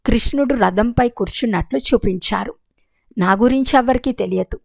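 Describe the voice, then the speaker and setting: Gravelly-voiced woman reading a spiritual discourse. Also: a little high, moderate pace, no room sound. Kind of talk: read-aloud religious discourse.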